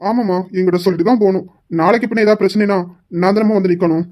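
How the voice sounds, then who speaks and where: A woman's voice: medium pitch, steady tone, mellow, close to an everyday voice. Woman voicing a teasing stubborn husband. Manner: mock-sweet teasing, drawn-out pleading.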